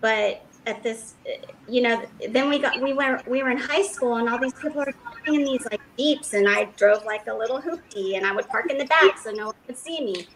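A woman's voice: a little high, brisk, noisy background. A woman from Los Angeles, a fashion designer, giving rambling interview answers full of fillers and restarts.

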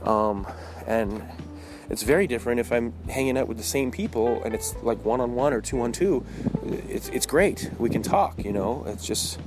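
A man's voice: medium pitch, normal speed, music in the background, poor audio. A man talking while walking outdoors, giving a candid, rambling personal monologue in a casual way with frequent false starts. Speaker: podcast host. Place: outdoors in the woods, on a walk.

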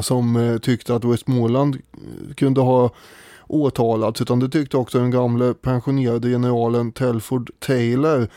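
A man's voice: mid-range voice, dark tone, dry recording, studio quality. A man co-hosting a casual history podcast, thoughtful and hesitant, with frequent fillers as he talks. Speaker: podcast co-host.

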